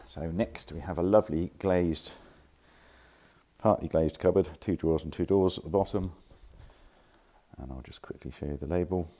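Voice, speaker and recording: Speaking at a normal speed in a deep, dark voice, a man shows off pieces of furniture in a warehouse. He's a furniture dealer doing a chatty, informal walkthrough of his stock on a handheld phone camera, now and then correcting himself.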